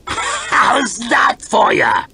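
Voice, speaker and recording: A man voicing a savage, battle-crazed male warrior who shouts and taunts. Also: mid-range voice, sing-song, very slow, creaky, slightly rough, soft background music, exaggerated voice. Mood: mocking.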